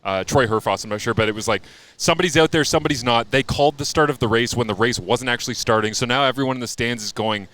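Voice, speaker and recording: A man hosting a motorsport podcast in casual chat, joking and telling animated stories from an outdoor observation deck. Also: mid-range voice, quick pace. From Canada. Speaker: motorsport commentator and podcast host.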